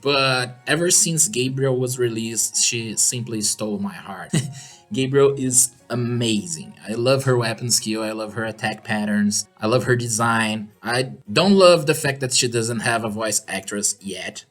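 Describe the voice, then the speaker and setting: A Brazilian gaming YouTuber, a native Portuguese speaker, answers viewer questions in English with a Brazilian Portuguese accent. His mid-range voice is unhurried and a bit bright, and he's chatty, upbeat, and laughs often in this casual Q&A, with faint music behind him.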